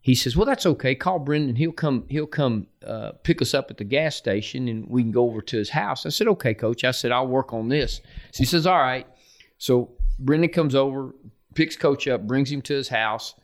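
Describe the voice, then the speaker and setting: A middle-aged man, a football coach, tells a story in a relaxed, chatty way. He slips into the voices of the people in it as he goes, laughing along with his own tale. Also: mid-range voice, moderate pace. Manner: lively anecdote, acts out quoted voices with laughter. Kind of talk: casual storytelling.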